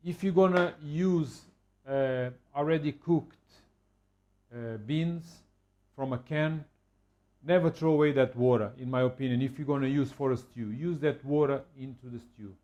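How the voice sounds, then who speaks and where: Man, mid-pitched, casual home-cook demo, halting with fillers. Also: highs cut off. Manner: relaxed, halting, with many fillers. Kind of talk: casual cooking demonstration.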